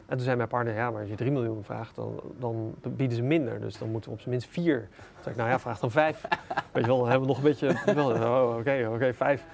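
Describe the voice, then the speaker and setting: A middle-aged man, an entrepreneur being interviewed, telling anecdotes in a relaxed, animated way with plenty of fillers. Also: medium pitch, fast talker, creaky, few pauses. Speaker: entrepreneur guest. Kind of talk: casual storytelling interview.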